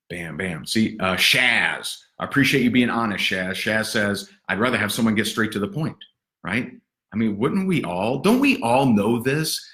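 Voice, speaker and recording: A man giving a livestream sales training, punchy, energetic and sarcastic. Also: on the low side, echoey room.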